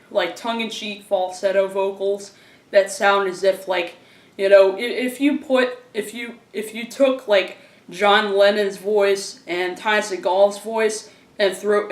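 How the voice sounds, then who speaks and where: A man's voice: high voice, fairly bright tone. A man giving a casual, enthusiastic album review, rambling with lots of fillers and restarts. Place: a room at home. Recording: roomy echo, mic at a distance.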